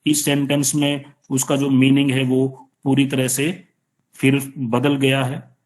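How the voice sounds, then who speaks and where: Slow, patient male teacher. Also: medium pitch, completely flat delivery, a little mellow. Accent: Indian. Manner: slow, patient explaining with repeated examples. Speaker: college teacher. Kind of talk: online class lecture. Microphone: online class, computer or phone mic.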